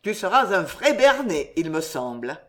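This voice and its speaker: A woman's voice: fairly low pitch, very animated, normal speed, a bit bright. A woman voicing a hearty, bossy old king who is a proud grandfather, in an audiobook. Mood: jubilant.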